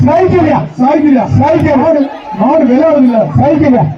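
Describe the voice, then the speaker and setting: A man calls out a live outdoor contest through a public address loudspeaker, firing off short shouted calls and repeating words. His voice sits very high. It arrives muffled and echoey from a distance, over a loud cheering crowd. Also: normal speed, background noise. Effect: heard through a public address loudspeaker. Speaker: bull-taming event announcer.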